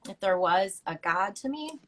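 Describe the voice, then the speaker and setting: A woman's voice: mid-range voice, animated, moderate pace. A young woman guest telling her story in a candid, chatty way on a casual live-stream interview. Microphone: video call.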